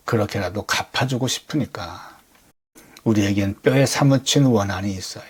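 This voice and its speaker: Low, husky-voiced male preacher. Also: a little mellow. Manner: conversational, full of rhetorical questions. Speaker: pastor. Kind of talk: Sunday sermon.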